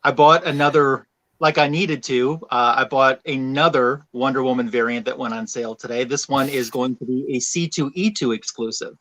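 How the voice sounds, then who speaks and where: A man's voice: medium pitch, moderate pace, fairly bright tone. A man chatting as a panel guest, telling stories at length with rambling explanations. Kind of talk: casual chat.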